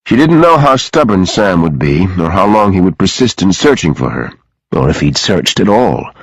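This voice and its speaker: Low, husky male audiobook narrator. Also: normal speed, dry recording, low-quality recording. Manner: expressive, dramatic reading.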